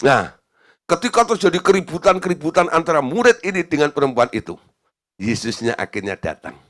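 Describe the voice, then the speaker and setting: A male pastor delivering a sermon, animated, asking the congregation questions and acting out the voices of the people in his story. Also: a little high, fairly quick.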